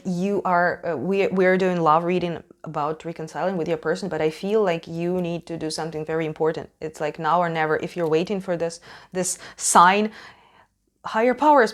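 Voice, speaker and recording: Hosting her tarot channel casually, this woman from Ukraine, a native Russian speaker, has a Russian accent and a lowish voice. She speaks emphatically but haltingly, often hunting for the right word.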